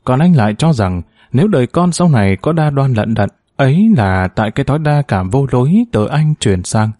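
Warm-voiced male storyteller. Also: medium pitch, no room sound, clean studio sound. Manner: measured, expressive storytelling. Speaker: narrator. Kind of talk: audiobook story narration.

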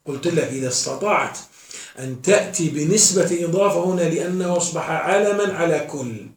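A man teaching a class as a sheikh, often asking his students questions and answering them himself. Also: on the high side. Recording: echoey room, mic far off.

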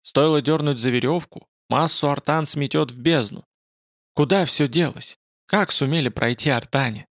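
Gravelly male audiobook narrator. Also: fairly high pitch, moderate pace, no room sound, studio quality. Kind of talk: scripted fantasy narration.

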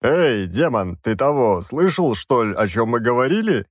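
A gruff, bass-voiced old army commander, as a narrator plays him, blunt and rough-spoken with a loud, lively delivery. Dry close studio sound. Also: male voice, moderate pace, no echo. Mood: awkward. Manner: blunt, rough soldier talk.

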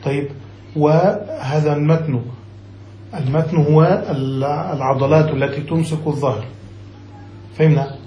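A man's voice: fairly high pitch, steady tone, unhurried, long pauses, mellow, reverberant, a little hiss or hum, low-quality recording. A man, a sheikh, teaching a classical grammar text, reading a passage and then explaining it, often checking whether his students follow.

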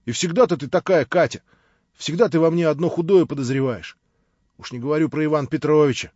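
A man's voice: a little high, fast, darkish tone, dry recording, close to an everyday voice. A man voicing a naive young man who talks in a plaintive, rambling way, read from an audiobook. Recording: dry, slightly dull lo-fi audio.

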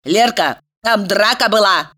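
A woman's voice: lively intonation, measured pace, sharp tone. A woman voicing a bossy, scheming young woman who scolds and shrieks at her friend. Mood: scolding, shrill. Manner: shrill, scolding, sarcastic.

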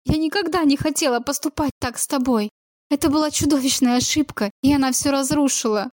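A woman's voice: high-pitched, a little fast, darkish tone, no room sound, clean studio sound, natural voice. A woman voicing a frightened, guilty young woman in her twenties who pleads through tears, read in an audiobook. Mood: pleading. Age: 20s. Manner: pleading, tearful.

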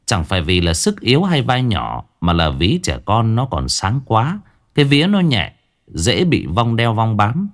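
Lively, low-voiced male ghost story teller. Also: a little slow. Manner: dramatic, expressive storytelling.

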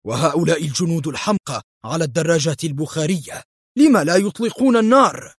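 رجل يؤدي دور شرير غاضب ماكر يصرخ بالأوامر. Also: male voice, fairly high pitch, animated, normal speed, husky, dry recording, clean studio sound. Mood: furious. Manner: barking orders, angry and sly. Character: furious cunning male villain in pursuit.

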